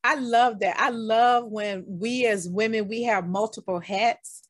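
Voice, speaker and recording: A woman hosts a podcast interview in a slightly high, steady voice at a measured pace, sounding warm, enthusiastic and casual as she speaks straight to her listeners, calling them "y'all." The recording is studio quality with no echo.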